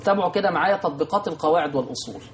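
Fast-talking Egyptian sheikh teaching recitation. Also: male voice, on the high side, a little hiss or hum. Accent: Egyptian Arabic. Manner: lively teaching, answers imagined student questions, chants verses slowly. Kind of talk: televised recitation lesson.

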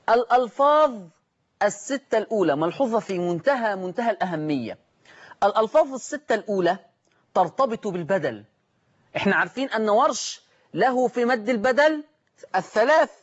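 Man, high voice, recitation teacher, lesson, muffled lo-fi sound. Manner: explains with questions to the class, answers them himself. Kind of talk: tajweed lesson.

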